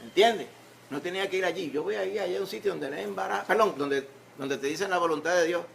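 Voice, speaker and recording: Puerto Rican pastor with gravelly voice. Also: male voice, high voice, fast, slight background noise. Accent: Puerto Rican Spanish. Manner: conversational preaching with humor and rhetorical questions. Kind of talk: sermon. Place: church sanctuary.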